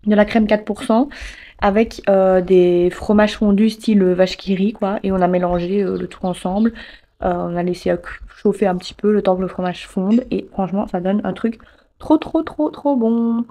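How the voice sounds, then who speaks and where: A young woman talks through her meals in a relaxed, chatty voice-over. Her voice sits at a middle pitch and sounds soft and mellow. She pads her sentences with easy little fillers as she goes. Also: normal speed. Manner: chatty, relaxed, full of fillers like "euh" and "voilà". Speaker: food vlogger.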